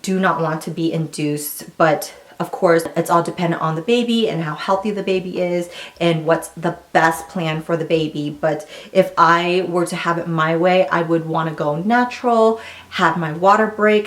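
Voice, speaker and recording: A woman in her thirties giving a candid, chatty pregnancy update to her viewers. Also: fairly low pitch. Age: 30s. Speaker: vlogger. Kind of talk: casual pregnancy update vlog.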